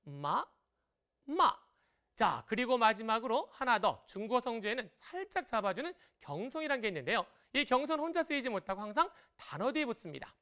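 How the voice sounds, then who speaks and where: A woman teaching Chinese in a broadcast lesson, lively and encouraging as she explains tones and patterns. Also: a little high, fast talker, hardly any pauses.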